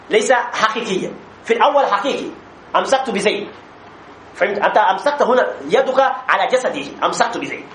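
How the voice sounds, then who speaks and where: High-voiced man teaching grammar in an echoey room. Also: fairly bright tone. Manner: repeats examples slowly, many drawn-out fillers, checks understanding. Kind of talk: classroom grammar lesson. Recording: echoey room with faint noise.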